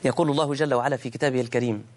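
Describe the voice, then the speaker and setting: A middle-aged man with an Egyptian accent preaching a sermon, emphatic, slowing and rising when he quotes scripture and arguing both sides of a dialogue. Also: mid-range voice, steady tone, a little mellow. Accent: Egyptian Arabic.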